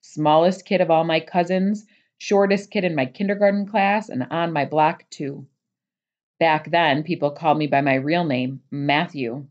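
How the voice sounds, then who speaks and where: A woman teacher reading a children's novel aloud to her class, expressive and lively with the narrator's asides. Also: sits low, measured pace, dull audio.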